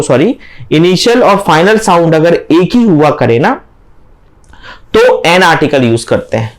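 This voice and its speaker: Emphatic high-voiced grammar teacher. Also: male voice. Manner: emphatic, repeats key points, asks students to say sounds aloud. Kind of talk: exam-prep classroom lecture.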